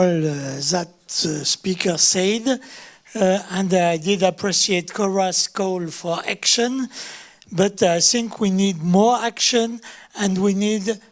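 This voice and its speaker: Hesitant man, high slow voice. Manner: hesitant, many fillers, non-native English. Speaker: audience member, peace activist. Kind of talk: question from the floor. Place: conference hall.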